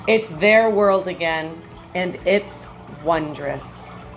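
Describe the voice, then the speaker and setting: Her voice fairly low, a woman reads from a children's picture book in a teacherly manner. She phrases things in a measured, expressive way and drops in brief remarks.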